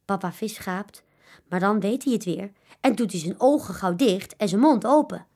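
A woman reading a children's story aloud, expressive and animated. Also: medium pitch, normal speed.

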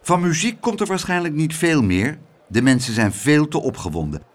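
A man's voice: fairly high pitch, animated, normal speed, pitched above the performer's own voice. A man reading aloud as a small-town mayor who makes grand announcements to a crowd. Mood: announcing. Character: eager pompous male town mayor.

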